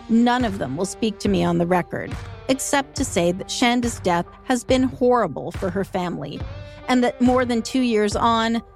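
A woman narrates a true-crime podcast in a measured, steady voice, reading from a script. Clear music plays under her. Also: mid-range voice.

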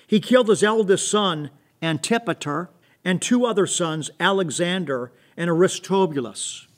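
A man's voice: high-pitched, lively intonation, moderate pace. A man hosting, giving a scripted introduction in an informative, direct way. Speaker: host.

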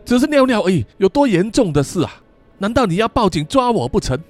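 A male storyteller voicing a frightened, defiant young boy who answers back in a shrill, indignant voice. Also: lively intonation, fairly quick, soft background music. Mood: flustered defiant. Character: panicky defiant young boy camping with his father.

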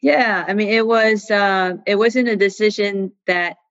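A woman's voice: mid-range voice, steady tone, measured pace, fairly bright tone, no room sound, dull audio. A middle-aged woman from Taiwan, a sleep physician, answering podcast interview questions thoughtfully with fillers and restarts.

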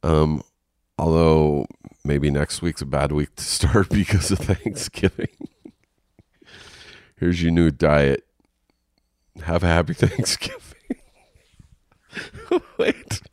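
A congested man hosts a solo podcast from home, rambling frankly with plenty of ums and restarts, sounding a bit nasal and coughing now and then. His bass voice moves slowly with long pauses and a darkish tone. It's a casual monologue recorded at studio quality with no room sound.

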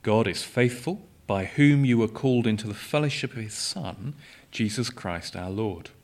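Lowish-voiced man reading scripture. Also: expressive. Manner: measured, solemn reading. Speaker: scripture reader. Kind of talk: formal Bible reading.

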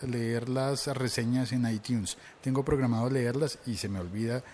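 A man's voice: medium pitch, fairly even intonation, normal speed, darkish tone, slight background noise. A man hosting a casual podcast, joking and reading listener comments aloud. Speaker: podcast host.

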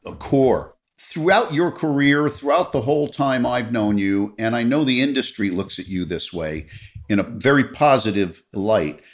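A man's voice: mid-range voice, normal speed. A middle-aged man interviewing a guest, asking long expansive questions with emphatic, repeated phrases. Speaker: interviewer host.

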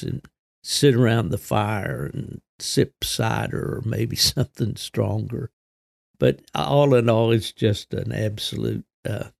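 An older man with a gravelly voice, hosting a solo podcast in a folksy, unhurried, conversational way. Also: on the low side, a little mellow, dry recording. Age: 60s or older. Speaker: podcast host.

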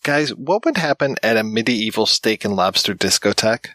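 A man's voice: on the low side, lively intonation, normal speed, sharp tone. A man co-hosting a podcast in casual chat, slipping in dry jokes. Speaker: podcast co-host.

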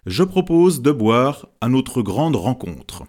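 A man voicing an emotional middle-aged man who raises slow, solemn toasts at a family banquet. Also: medium pitch, very animated, darkish tone.

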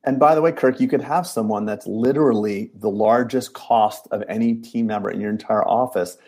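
Guy in his late 40s, kinda husky, lowish voice, emphatic podcast guest. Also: a little fast, a little mellow. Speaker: dentist guest. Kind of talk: casual podcast conversation.

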